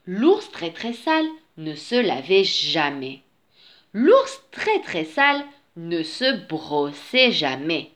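A woman reading a children's story aloud in an expressive, sing-song way with a repeating refrain. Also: fairly low pitch, slow pace.

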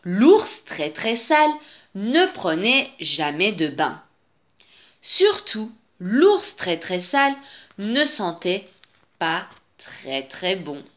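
A woman reading a children's story aloud in an expressive, sing-song way with a repeating refrain. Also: medium pitch, extremely slow.

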